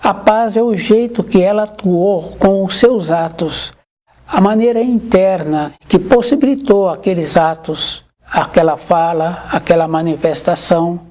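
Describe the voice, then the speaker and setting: Spiritual teacher, mellow tone, calm and measured, leans on repeated phrases. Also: mid-range voice. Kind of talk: reflective spiritual talk.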